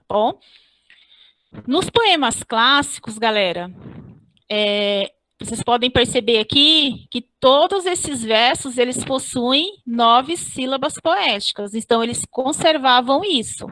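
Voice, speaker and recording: A woman teacher giving an online class. She explains step by step, spells out syllables slowly and keeps checking with "ok?". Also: fairly high pitch, a bit bright, no room sound. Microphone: computer mic on a video call.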